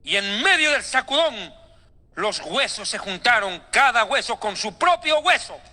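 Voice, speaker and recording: A man's voice: very high-pitched, very animated, measured pace, sharp tone. A male preacher delivering a sermon in an emphatic, sarcastic and dramatic way.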